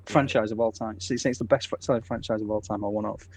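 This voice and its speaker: A man's voice: fairly low pitch, steady tone, quick pace, a little mellow. A man with a European accent co-hosting a podcast, reading out figures hesitantly with fillers. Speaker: podcast co-host. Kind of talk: casual chat.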